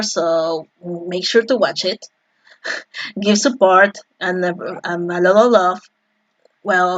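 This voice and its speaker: A woman's voice: mid-range voice, a bit bright, highs cut off. A woman from Peru with a Peruvian Spanish accent, a native Spanish speaker, chatting casually and rambling as she thanks viewers during a live stream of her painting in her home studio.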